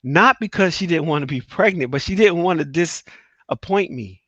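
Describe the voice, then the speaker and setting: A middle-aged man hosts a conversation, sharing his life story in an earnest, testimonial way and repeating phrases for emphasis. His voice sits a little high for a man. The sound is dry and slightly dull. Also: expressive, normal speed, a bit bright, no echo. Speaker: host. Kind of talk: casual interview talk.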